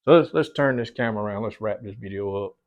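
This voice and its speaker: In dull lo-fi audio, a middle-aged man talks at a quick pace in a voice on the low side. Slightly stuffy-nosed, he chats casually to the camera from his home theater room, wandering off topic, repeating words, and calling everyone "guys."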